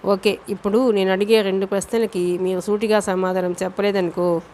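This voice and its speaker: A woman's voice: mid-range voice, flat delivery, brisk, a little mellow, a little hiss or hum, lightly acted. A woman narrator voicing a tough young policewoman who questions people sternly and commandingly.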